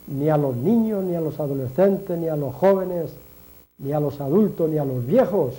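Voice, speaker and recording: A man giving a reflective sermon, speaking slowly and deliberately, repeating phrases for emphasis and addressing listeners directly as friends. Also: high-pitched, mellow, rough recording. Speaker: religious speaker.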